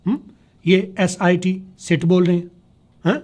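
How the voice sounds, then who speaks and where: High-voiced man teaching a classroom. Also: fairly even intonation, a little mellow. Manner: spells words letter by letter and checks understanding; slows down to demonstrate pronunciation. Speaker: spoken English teacher. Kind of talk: classroom lecture. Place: classroom with students.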